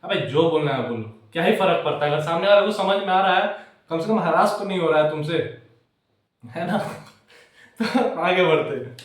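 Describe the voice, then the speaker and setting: Tutor talking from across an echoey room. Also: male voice, sits high, normal speed. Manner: chatty, keeps checking students understand; digresses with jokes. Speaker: physics tutor. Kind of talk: casual classroom lecture. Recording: echoey room, far from the mic.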